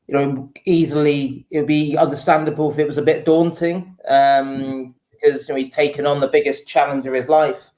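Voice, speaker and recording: A man speaks as a football journalist in an interview. His pitch stays very even, and he explains his views in a measured, conversational style. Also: rough recording. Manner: measured, explanatory, often says "you know". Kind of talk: casual interview answers, informed analysis.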